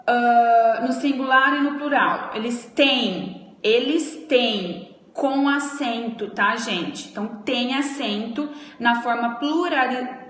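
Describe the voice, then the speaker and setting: Slow, careful woman teaching. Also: fairly high pitch, fairly bright tone, reverberant, long reverb tail. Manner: explains slowly, spells out letters, checks in with "tá?" and "ok?". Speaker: Portuguese language teacher. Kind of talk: live-streamed grammar lesson.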